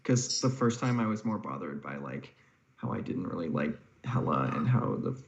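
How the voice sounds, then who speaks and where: A man co-hosting a podcast in relaxed casual chat, trailing off into low mumbles. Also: normal speed, creaky, dull audio.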